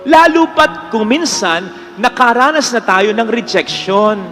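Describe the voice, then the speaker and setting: Very high-voiced priest preaching earnestly. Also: male voice, lively intonation, a little slow, a bit bright, big-room sound, soft background music. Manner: earnest, emphatic, mixes English phrases. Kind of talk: homily. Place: church with congregation.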